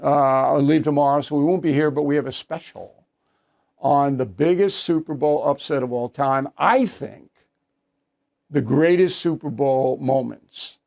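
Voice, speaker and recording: Gravelly-voiced older male news host. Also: a little high, darkish tone. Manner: blunt, brisk, wry asides. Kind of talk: opinion news commentary and interviews.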